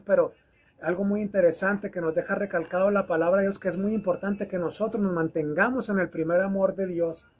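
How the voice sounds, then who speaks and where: Male preacher, high-pitched, husky, fervent, exhorting, repeats himself for emphasis. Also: darkish tone. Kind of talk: recorded video sermon.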